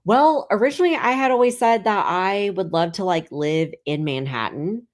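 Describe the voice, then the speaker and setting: A woman in her thirties, a guest comedian, chats casually in a medium-pitched, animated voice at normal speed. She rambles and leans heavily on the filler "like."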